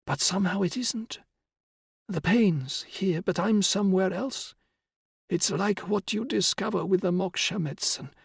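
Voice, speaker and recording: A man's voice: sits high, a little slow, creaky, breathy edge, no echo, studio quality, pitched above the performer's own voice, exaggerated voice. A man doing a frail, whispering dying old woman. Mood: calm. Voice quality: weak whisper.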